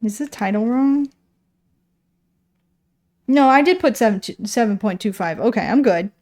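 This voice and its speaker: A woman's voice: on the high side, animated, moderate pace, darkish tone. A woman streamer casually chatting while reading game patch notes, rambling and correcting herself as she goes. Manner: rambling, self-correcting, thinking aloud.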